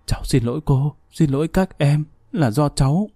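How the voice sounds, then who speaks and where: A man's voice: a little high, normal speed, warm tone, breathy edge. A man reading the part of an anxious, pleading young woman in a spoken ghost story. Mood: tearful. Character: young woman, scheming then tearful and remorseful.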